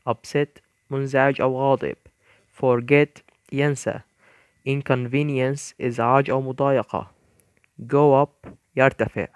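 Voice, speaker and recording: Guy teaching english vocab word by word, middle pitch, dry close recording, stumbles a bit now and then. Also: no echo. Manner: reads each English word, then gives its Arabic meaning; measured, with small stumbles and self-corrections. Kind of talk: bilingual vocabulary lesson, reading word lists.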